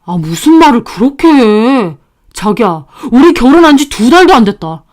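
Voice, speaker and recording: A woman voicing an evasive young husband, high voice. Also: big pitch swings, moderate pace, a little mellow. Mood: defensive. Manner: defensive, dismissive. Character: evasive young husband who sides with his mother. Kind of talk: dramatized story reading.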